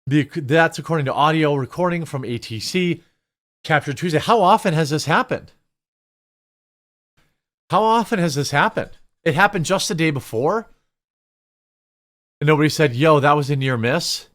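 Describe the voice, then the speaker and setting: Hosting a news commentary program, this man talks at normal speed in a slightly high, somewhat bright voice, pausing often. He reads passages from articles aloud and riffs on them unscripted, with blunt opinions, rhetorical questions and the occasional sarcastic jab.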